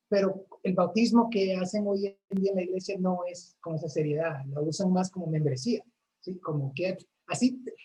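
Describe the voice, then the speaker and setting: A woman's voice: lowish voice, dark tone, slight background noise, rough recording. A woman from a church ministry, talking earnestly about her faith in a casual chat, often restarting her sentences. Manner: earnest storytelling with frequent restarts.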